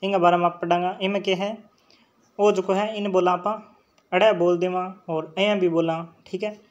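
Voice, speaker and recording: High-voiced Rajasthani teacher drilling sounds. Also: male voice, level tone, normal speed, dull audio. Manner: drills sounds aloud, checks in with "theek hai" often. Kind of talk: online exam-prep lecture.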